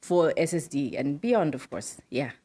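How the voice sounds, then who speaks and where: A middle-aged woman from Zimbabwe speaks in a fairly low voice as a podcast guest. She explains things patiently, ticking off examples one after another and dropping in quick "right" and "yes" replies. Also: animated, mellow. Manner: explains in lists, frequent affirming "right, yes". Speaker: podcast guest, data protection officer. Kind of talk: casual interview talk.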